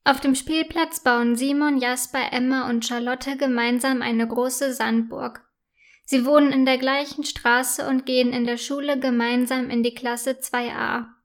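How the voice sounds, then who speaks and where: A woman narrating a children's story in a slow, clear, gentle storytelling manner. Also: high voice, fairly even intonation.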